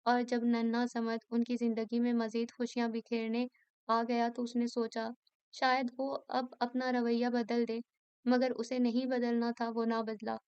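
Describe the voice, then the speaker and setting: A woman's voice: on the high side, completely flat delivery, a little slow, darkish tone, clear, resonant tone, no echo, dull audio. A woman narrating an Urdu romance novel, reading the dialogue with light shifts for each character.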